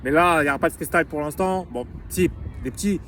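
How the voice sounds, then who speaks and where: A man's voice: a little high, fast. A young man from France casually talking in a vlog, rambling with street slang and lots of restarts, recorded outdoors in wind. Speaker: vlogger sharing English-learning tips.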